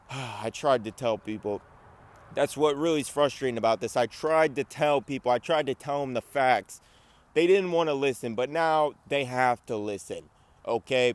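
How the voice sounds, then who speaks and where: A man giving a brash, boastful fan commentary rant, first shouting and hyped, then calmer and emphatic. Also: medium pitch. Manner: brash, trash-talking, boastful; calmer, emphatic argumentative talk. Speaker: sports YouTuber.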